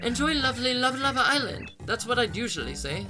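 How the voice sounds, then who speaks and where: A performer voicing a prim, scolding female dinosaur nanny in a high, bossy voice, over game music. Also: sing-song, quick pace, lightly acted.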